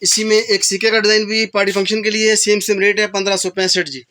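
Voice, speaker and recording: A male shopkeeper with a Pakistani accent, briskly listing handbag colors and prices for a shop video. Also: high-pitched, level tone, sharp tone. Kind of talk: sales pitch for a shop video. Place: indoor bag shop.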